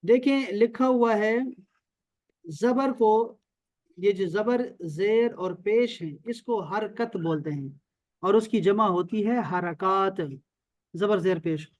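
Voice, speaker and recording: High-pitched male teacher, dry close sound, video call, repeats key terms, keeps checking students follow. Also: dry recording, muffled recording. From Pakistan. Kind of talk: online Arabic and Quran lesson.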